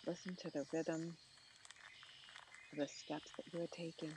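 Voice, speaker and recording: Soothing meditation narrator, mid pitch, short slow phrases w pauses, birds and outdoor noise behind. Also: flat delivery. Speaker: guided meditation host.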